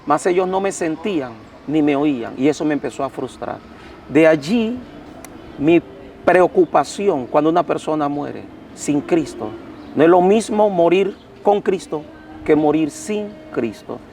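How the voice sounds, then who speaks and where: A man's voice: a little high, animated, measured pace, vocal fry, a little mellow, a little hiss or hum. A man, a pastor, telling a dramatic personal testimony to an interviewer, his voice swelling and dropping with emotion. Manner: intense, dramatic storytelling that swells and drops.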